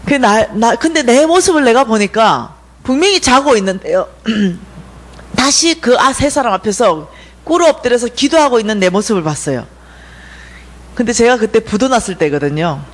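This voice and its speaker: A woman from South Korea delivers a sermon testimony to a congregation in a lively, swooping voice. She tells her story with animation and acts out each line of dialogue. Her pitch ranges widely from phrase to phrase. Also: moderate pace. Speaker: guest speaker at a church revival.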